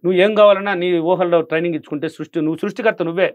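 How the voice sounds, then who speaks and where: A man's voice: high-pitched, steady tone, rapid-fire, no echo, highs cut off. A man, a money affirmation coach speaking as an interview guest, emphatic and repetitive, quizzing his listener.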